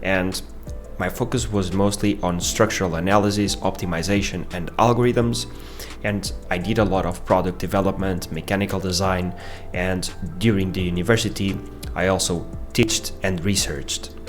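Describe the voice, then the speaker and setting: A man in his thirties with a Portuguese accent narrates his own video in a measured, explanatory way. His voice sits low and deep. Soft music plays faintly underneath. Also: steady tone. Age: 30s. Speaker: vlogger. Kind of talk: scripted narration.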